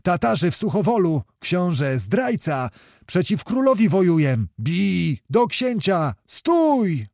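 A man voicing a bold young cavalry officer who shouts rallying commands at soldiers. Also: high-pitched, very animated, slow pace, gravelly, dry recording, clean studio sound, pitched above the performer's own voice, heavily acted. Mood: roaring.

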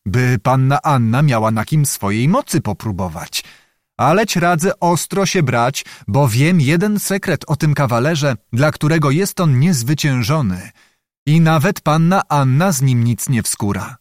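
A man's voice: medium pitch, animated, measured pace, dry recording, lightly acted. A man voicing a dry, ironic young lieutenant in an audiobook.

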